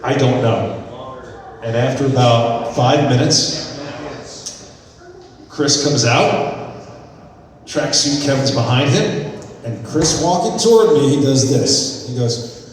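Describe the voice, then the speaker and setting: A male stand-up comedian telling a story on stage in a bar venue, animated and profane. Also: medium pitch, slow, pauses often, heavy reverb, big-room sound, distant mic, poor audio.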